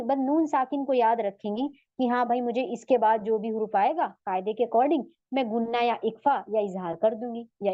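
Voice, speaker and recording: Woman, recitation teacher, patient and explanatory, slow repeats of Arabic words; muffled dry lo-fi audio. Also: high voice, no room sound. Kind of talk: online lesson. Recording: dull, dry, lo-fi recording.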